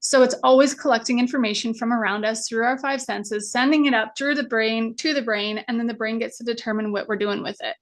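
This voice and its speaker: A woman's voice: on the high side, fairly quick, few pauses. A woman business coach teaching a live online masterclass in a casual, chatty way, full of fillers and the odd swear word. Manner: acts out anxious inner voices.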